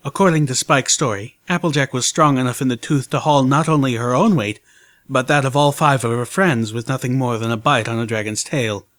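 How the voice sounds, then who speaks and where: A man narrating a fan fiction audiobook in the first person, with steady storytelling. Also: mid-range voice.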